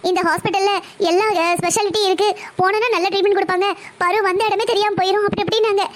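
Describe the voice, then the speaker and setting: A woman's voice: extremely high pitch, fairly even intonation, fast. A woman voicing a tearful, pleading cartoon mother. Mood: sorrowful. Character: worried middle-aged mother pleading for her daughter. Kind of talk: cartoon voice acting.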